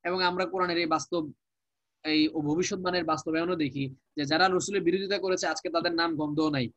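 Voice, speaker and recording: A man with a Bangladeshi Bengali accent teaching a live online Quranic Arabic class, explaining slowly and repeating each word with its translation. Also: high voice, steady tone, fairly bright tone, no room sound.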